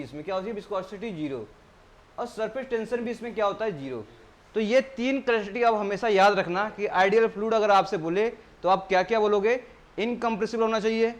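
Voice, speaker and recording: This male tutor. He gives an exam-prep lecture in a steady classroom style. He keeps asking the class questions, answers them himself, and repeats each key term. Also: high voice. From India.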